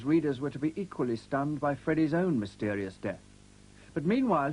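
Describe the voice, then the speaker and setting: A man narrating a documentary in a measured, scripted way. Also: medium pitch, poor audio. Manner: measured, expressive delivery.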